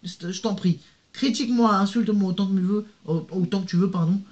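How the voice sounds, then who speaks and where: A man's voice: sits high, fairly quick, darkish tone. A young man in a casual vlog, reading viewer comments aloud and answering them in a rambling, slangy way while speaking straight to the viewer. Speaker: YouTuber. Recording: dull lo-fi sound.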